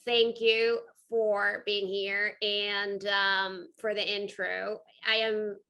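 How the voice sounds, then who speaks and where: Speaking very slowly, a woman with a Venezuelan accent addresses an audience as a guest speaker; she is an art curator and entrepreneur. Her mid-range voice sounds pushed and bright, with little pitch movement. Her conversational talk comes across as earnest and emphatic.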